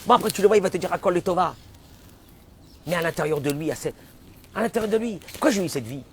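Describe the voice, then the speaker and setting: A man, a rabbi, giving a dramatic Torah class, acting out the voices of complaining people and swinging from loud cries to hushed whispers. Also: high voice, quick pace, slight background noise. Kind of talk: animated sermon.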